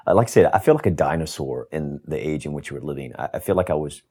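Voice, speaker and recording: A man talking as a podcast guest in casual chat, with a formal way of speaking and crisp stress on his T's. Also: very deep voice, expressive, quick pace, warm tone.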